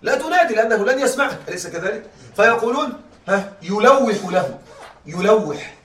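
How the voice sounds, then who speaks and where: A man lectures a class, pausing again and again to ask whether his listeners are following. His voice sits high for a man. It sounds distant and bounces around an echoey room. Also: sing-song, fairly bright tone, a little hiss or hum. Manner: keeps checking the students follow with rhetorical questions. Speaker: Arabic rhetoric teacher.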